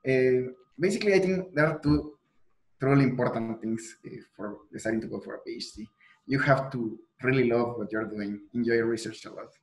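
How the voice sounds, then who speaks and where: Here a young man from Mexico, a doctoral student appearing as a guest, answers interview questions from an indoor room via video call. He speaks Spanish natively and has a Mexican Spanish accent, talking fairly quickly in a mid-range voice over poor audio. His replies are earnest, broken up by frequent restarts and filler words.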